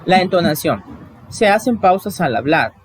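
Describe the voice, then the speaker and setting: A man's voice: high-pitched, big pitch swings, moderate pace, slight background noise. A man, teaching a recorded online lesson and explaining each step while asking the class questions.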